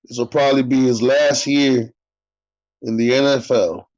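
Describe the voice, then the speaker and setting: A man's voice: mid-range voice, fairly even intonation, moderate pace, darkish tone. A man co-hosting a live sports talk stream. He chats casually and jokes sarcastically while he talks to the viewers in the chat. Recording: dull lo-fi stream audio.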